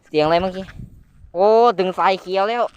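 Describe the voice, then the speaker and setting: A man commenting live to viewers while fishing, excitable and exclaiming, with light swearing. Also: high-pitched, fast talker, clean tone, dull audio. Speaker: fishing vlogger. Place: outdoors by the water. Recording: outdoor with faint background noise.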